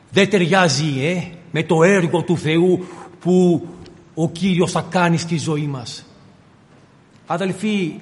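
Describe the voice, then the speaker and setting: A man preaching a sermon to his congregation, fervent, swinging between loud appeals and quiet storytelling. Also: on the high side, big-room sound.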